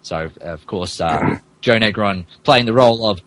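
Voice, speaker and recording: A podcast host and narrator speaks with a fairly low, slightly bright voice at a measured pace. He shifts between casual chat and mock-dramatic reading, amused as he stumbles over garbled text.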